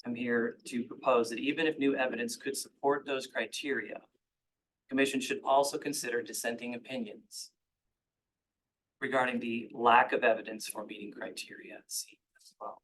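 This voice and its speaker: A man giving formal public comment at a commission hearing, measured and argumentative. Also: medium pitch, level tone, fairly bright tone, poor audio.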